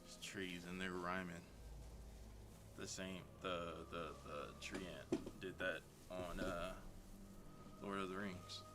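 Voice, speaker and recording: A man's voice: sits low, monotone, slow pace. A man giving casual commentary as he plays a role-playing game and reads dialogue choices aloud. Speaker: gamer reading out dialogue choices in a role-play playthrough. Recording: clear background noise and game ambience. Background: game ambience.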